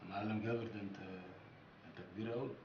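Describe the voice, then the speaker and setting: An actor playing a bullying police officer who mocks and interrogates, with an Egyptian accent. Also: male voice, lowish voice, steady tone, fast talker, lo-fi sound, lightly acted. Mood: mocking. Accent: Egyptian Arabic. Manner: mocking, interrogating. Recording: echoey, noisy film audio.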